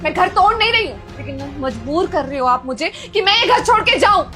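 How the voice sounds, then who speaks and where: A woman acting a defiant young bride, high and lively. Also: a little fast, loud music behind the voice. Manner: defiant, sulky. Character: stubborn young woman, new sister-in-law. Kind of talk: amateur family drama acting.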